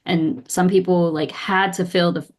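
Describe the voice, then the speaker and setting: A woman co-hosting a casual podcast, chatty and quick to laugh, with many filler words. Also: fairly low pitch, fairly even intonation. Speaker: podcast co-host. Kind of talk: casual chat.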